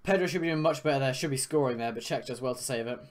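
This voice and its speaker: A man's voice: medium pitch, rapid-fire. A young man, giving casual, rambling live reactions to a football match into a streaming microphone. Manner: casual, rambling, thinking aloud. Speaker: fan reaction host. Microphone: computer microphone for live stream.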